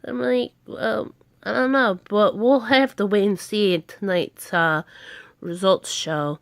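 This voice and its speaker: Recorded on a phone, a young vlogger talks casually to her audience, meandering with plenty of ums and astonished exclamations. She takes it slowly in a mid-range voice with vocal fry and fairly even intonation, and there's no room sound.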